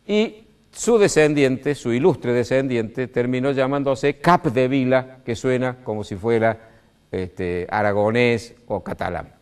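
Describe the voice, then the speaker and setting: A man's voice: mid-range voice, measured pace, smooth. An Argentine man with a Córdoba accent, explaining grammar in a didactic way, full of "este" fillers and rising stresses. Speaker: speaker on language. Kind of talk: explanatory talk.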